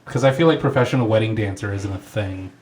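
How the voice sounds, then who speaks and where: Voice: mid-range voice, fast, a little mellow. A co-host on a casual live-stream chat, teasing the others wryly. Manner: teasing, wry. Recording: echoey room, far from the mic.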